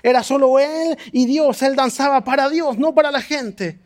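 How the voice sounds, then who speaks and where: A man preaching a sermon, fervent and exhorting, his voice climbing high on points of emphasis. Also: normal speed, a little mellow.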